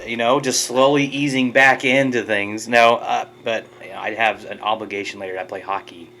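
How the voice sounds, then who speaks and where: A man's voice: fairly low pitch, steady tone, normal speed, pushed and bright, slight background noise, poor audio. A man in his thirties chatting casually as a podcast co-host, laid-back and rambling. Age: 30s.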